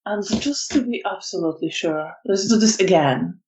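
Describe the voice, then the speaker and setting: A woman running a tabletop horror game as storyteller, narrating scenes in a measured way with frequent ums. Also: mid-range voice, darkish tone, low-quality recording.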